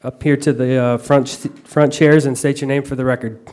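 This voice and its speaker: A man chairing a public board hearing, running the agenda in a brisk, procedural way, caught on a courtroom-style hearing room recording. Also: mid-range voice, level tone, a little mellow, clean tone. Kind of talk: formal meeting procedure.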